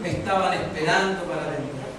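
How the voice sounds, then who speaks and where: A middle-aged man with a Chilean accent preaching a sermon as pastor, animated and full of rhetorical questions. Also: fairly high pitch, quick pace, recorded from a distance, over a noisy crowd. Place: large church hall. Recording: very echoey hall recorded from afar with noise.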